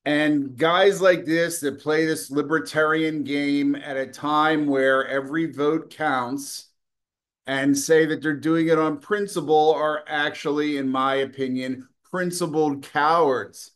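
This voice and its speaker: A man's voice: a little high, fairly even intonation, slow pace, a bit bright. A middle-aged man hosting a political commentary show, delivering a combative, scornful and profane opinion monologue, with occasional coughing.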